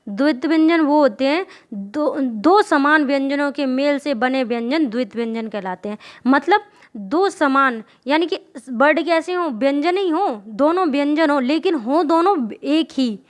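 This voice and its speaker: A young woman teaching a grammar lesson, repeating examples and often asking the class questions to check they follow. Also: high voice. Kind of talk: explaining a Hindi grammar lesson.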